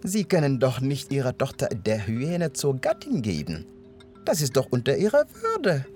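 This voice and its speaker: A man voicing a sly, boastful male hare in a storybook tale, squeaky and shrill, a small trickster. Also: wildly swooping pitch, unhurried, a little mellow, faint music behind.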